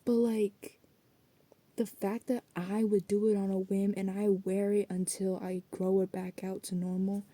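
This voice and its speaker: A woman's voice: medium pitch, little pitch movement, a little slow, warm tone, no echo. A young adult woman rambling casually in a late-night vlog, swearing freely and drifting between thoughts. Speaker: student vlogger.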